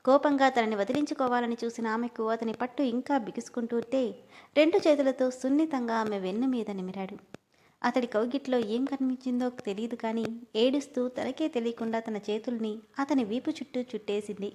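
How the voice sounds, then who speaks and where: A woman narrating a romance story in an even, measured reading. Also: on the high side, a little hiss or hum. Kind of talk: scripted narration.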